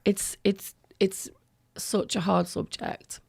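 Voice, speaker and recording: A middle-aged woman with a creaky voice, talking earnestly and emphatically as a guest in a radio interview. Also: mid-range voice, level tone, slow, no echo, studio quality. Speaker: education worker, interview guest.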